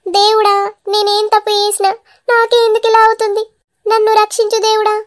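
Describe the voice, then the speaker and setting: A woman's voice: very high-pitched, completely flat delivery, brisk. A woman voicing a pleading cartoon wife. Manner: pleading, plaintive. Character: wronged young wife, pleading and tearful.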